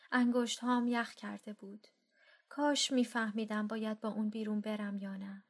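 A woman reading a first-person literary story aloud, often soft and near-whispered. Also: medium pitch. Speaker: book reader.

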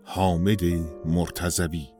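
Deep-voiced man reading credits over piano. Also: flat delivery, a little mellow. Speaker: credits announcer. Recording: piano music behind the voice.

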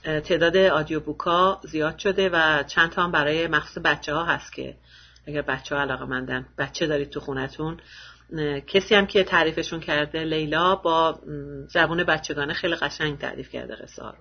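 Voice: mid-range voice, steady tone, slightly rough. A radio podcast co-host chatting casually with many fillers. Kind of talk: casual chat. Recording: muffled lo-fi recording.

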